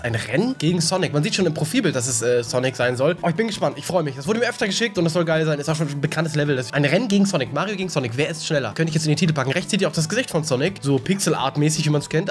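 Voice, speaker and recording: A man doing excitable let's-play commentary, shouting and wailing when he fails, sometimes singing his words, talking straight to his viewers. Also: on the high side. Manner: excitable, shouts and wails at failures, playful sing-song bits; talks straight to viewers as "Leute". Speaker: gaming YouTuber.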